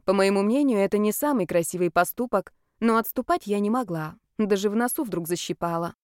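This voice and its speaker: A woman narrates an audiobook in an even, measured way. Her voice is smooth and clear at a middle pitch. The recording is dry and close to the mic. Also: no echo.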